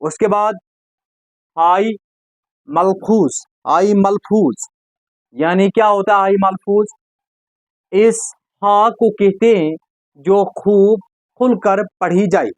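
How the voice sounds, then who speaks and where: Slow, patient man teaching a lesson. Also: high-pitched, dry recording. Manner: slow, patient, repeats key points with "yaad rakhiyega"; asks the class questions and answers them himself. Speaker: Urdu teacher. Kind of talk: exam-prep lecture.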